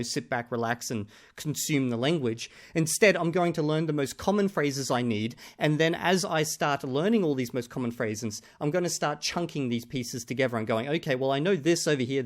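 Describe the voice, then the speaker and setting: In casual, argumentative fashion, a medium-pitched man comments on a video made by another creator, frequently leaning on a pause at "okay?" to drive points home.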